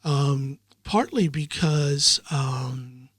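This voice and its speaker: An American podcast host, sitting in the guest chair for a casual interview, rambles reflectively with plenty of ums and uhs. His mid-range voice is husky and fairly bright, and he draws out his words. The recording is studio quality with no echo.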